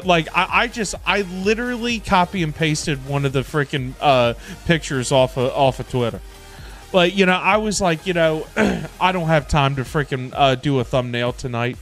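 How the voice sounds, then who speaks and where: In his indoor home streaming setup, a middle-aged American man hosts a casual gaming livestream with background music playing. His voice is fairly high and fairly bright, and he rambles, repeats himself, and leans on loose slang.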